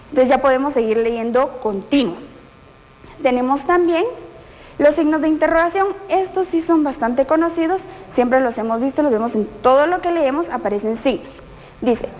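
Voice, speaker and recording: A woman's voice: high-pitched, long reverb tail, rough recording. A woman teacher with a Guatemalan Spanish accent explaining punctuation in a televised lesson, acting out example exclamations as she goes.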